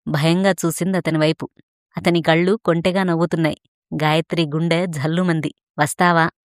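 Woman narrating a story, low and dry. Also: fairly even intonation, normal speed, darkish tone, dry recording.

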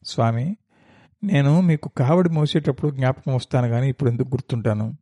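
A sulky young cowherd boy of a storybook, airing his grievances in a complaining, pleading tone, as a male narrator puts him on. His voice is warm and mellow. The sound is dry and close. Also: medium pitch, brisk, dry recording, close to an everyday voice.

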